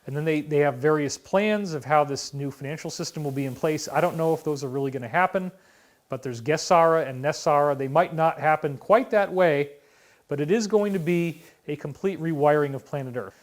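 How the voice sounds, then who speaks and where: A man delivering an emotional commentary monologue, emphatic and prone to sudden loud outbursts. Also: fairly high pitch, fairly quick. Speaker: online commentator.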